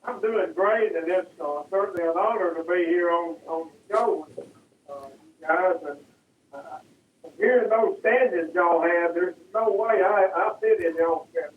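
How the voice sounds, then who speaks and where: An older man calls in by phone, and his voice sounds hollow and boomy, as if he were talking inside a barrel. The line is thin and tinny, and he seems set far back from the mic in an echoey space. He talks haltingly, with many fillers and restarts. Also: slight background noise. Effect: hollow, distant phone line, like talking inside a barrel. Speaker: guest picker, retired coach.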